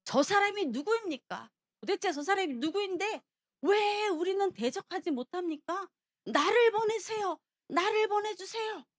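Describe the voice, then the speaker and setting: A woman preacher voicing a bold teenage shepherd boy who loudly and insistently begs to be sent out, in a high, lively voice. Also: moderate pace. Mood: indignant. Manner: loud, insistent pleading.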